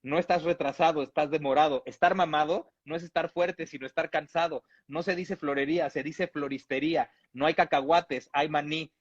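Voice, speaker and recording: A man's voice: fairly high pitch, fairly even intonation, normal speed, hardly any pauses. A man from Mexico reading a humorous text aloud in a playful, amused way, with chuckles now and then. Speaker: reader. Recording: dull lo-fi audio.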